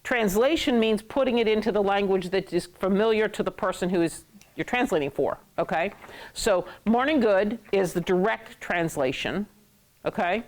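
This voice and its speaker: A woman's voice: medium pitch, normal speed. A woman teaching a class who jokes with her students, laughs often and repeats words to drill them. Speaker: Hebrew teacher. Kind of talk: classroom lesson.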